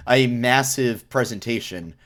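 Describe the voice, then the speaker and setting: Slow-talking joking male stream host. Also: mid-range voice, a crowd in the background. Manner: joking, laughs often. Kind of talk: casual esports stream chat.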